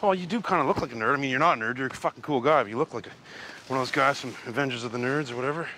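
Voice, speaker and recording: An actor playing a muddled, loyal friend who rambles and mangles sayings. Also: male voice, medium pitch, very fast, pushed and bright, a little hiss or hum, lightly acted. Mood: reassuring.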